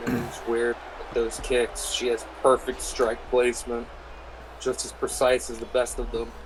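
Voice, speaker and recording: A man with a medium-pitched voice gives wrestling commentary as the second voice at the desk. He offers analysis and brief reactions. Noise is clearly audible behind him. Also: completely flat delivery, normal speed. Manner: adds analysis and short reactions. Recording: clearly noisy recording.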